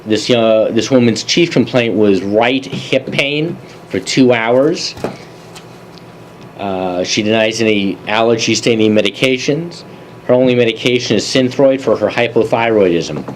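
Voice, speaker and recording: A man presenting a continuing education review of emergency calls, relaxed and conversational with dry asides. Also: mid-range voice, measured pace, slight background noise, rough recording. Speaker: EMS medical advisory presenter. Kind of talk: case review lecture.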